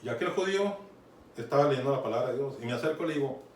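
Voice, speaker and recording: A man's voice: mid-range voice, animated, very fast, a little mellow. Man preaching in an echoey room. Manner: conversational teaching, keeps asking "¿sí?" and urging "fíjate bien". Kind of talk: sermon. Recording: echoey room, mic far off, some noise.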